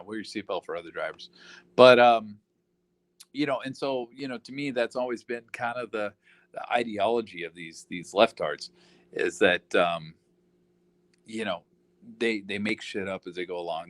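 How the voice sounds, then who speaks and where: Low-voiced man ranting, profane and rambling, on a close dry mic. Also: dry recording. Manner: profane, rambling, heavy fillers. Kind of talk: casual ranting monologue.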